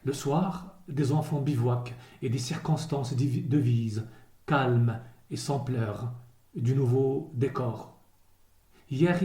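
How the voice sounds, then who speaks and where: Reading his own verse, a poet with a medium-pitched, mellow, soft-edged voice speaks with grave solemnity at a very slow, measured pace, pausing often. Noticeable echo surrounds his words in the roomy recording.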